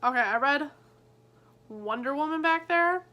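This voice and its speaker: Woman vlogger reviewing books, bright sharp voice, a bit high, chatty with lots of asides. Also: expressive. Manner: chatty, heavy use of "like", quick asides. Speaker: book vlogger. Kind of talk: casual book review chat. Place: at home on her bed.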